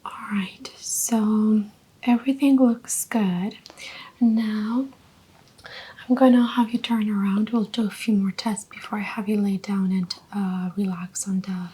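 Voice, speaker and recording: A woman whispering softly as a clinician in a roleplay, calmly giving gentle step-by-step instructions during a check-up. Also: mid-range voice, a little slow, breathy edge, poor audio. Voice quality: soft whisper. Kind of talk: ASMR medical exam roleplay.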